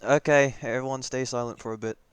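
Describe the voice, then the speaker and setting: A man's voice: mid-range voice, steady tone, a little fast, a crowd in the background. A man protesting and trying to keep order among friends over an online voice call while playing a drawing game. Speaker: player. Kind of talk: casual gaming chat.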